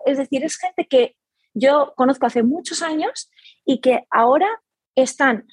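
A woman speaks in a husky, slightly high voice. She talks reflectively and hesitantly, restarting her phrases often. The recording is dry and close. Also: darkish tone, dry recording. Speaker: guest, pilates studio owner. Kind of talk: casual conversational interview.

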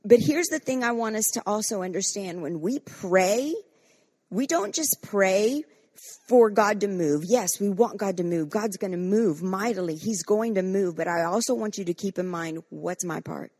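A woman's voice: mid-range voice, moderate pace, darkish tone. A woman pastor preaching a fervent sermon and leading corporate prayer, acting out quoted voices with frequent restarts.

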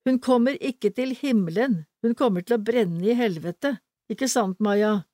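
A woman's voice: fairly high pitch, mellow, no room sound, studio quality, lightly acted. A woman voicing a spiteful, mocking schoolgirl while reading a story aloud. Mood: taunting. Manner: taunting.

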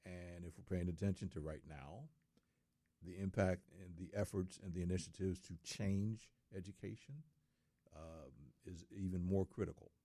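A man's voice: low-pitched, fairly even intonation, normal speed, mellow, dry recording. A middle-aged man in casual studio talk, speaking earnestly and repeating words for emphasis.

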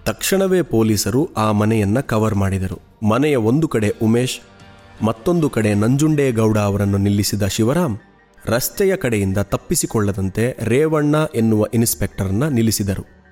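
Guy narrating a crime podcast, steady and measured, soft music underneath. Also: lowish voice. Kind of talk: scripted true-crime narration.

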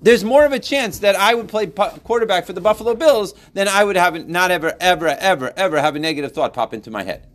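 A man teaching a class, lively and playful, building to emphatic points with everyday examples. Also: high-pitched, fast talker, few pauses. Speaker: Torah teacher. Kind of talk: classroom lesson.

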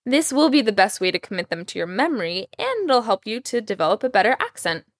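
Lively woman teaching language by podcast. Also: medium pitch, dry recording, studio quality. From Iran. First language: Persian. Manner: clear, upbeat teaching delivery, modelling words slowly. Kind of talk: scripted podcast lesson.

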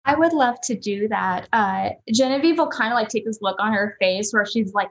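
Female tabletop player, husky voice, eager delivery. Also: mid-range voice, low-quality recording. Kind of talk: casual game chat.

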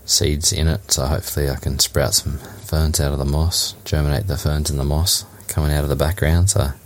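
Very deep-voiced Australian man chatting. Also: level tone, a little fast. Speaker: podcast co-host. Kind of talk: casual chat.

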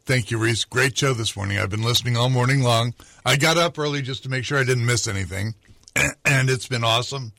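A man's voice: medium pitch, fairly quick, gravelly, bright, forceful tone, no room sound. A man guesting on a radio show in the studio, upbeat and promotional in casual chat. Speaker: radio co-host. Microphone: studio microphone.

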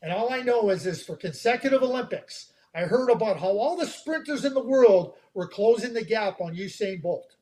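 A man with a fairly high voice talks through hockey prospects on a podcast. He is emphatic and animated, stacking repeated words as he drives his points home. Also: moderate pace. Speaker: hockey draft analyst. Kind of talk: podcast chat.

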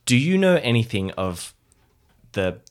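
In an improvised audio drama, a man shifts between hesitant, earnest dialogue and narrating what his character does. His mid-range voice is sing-song and a little slow.

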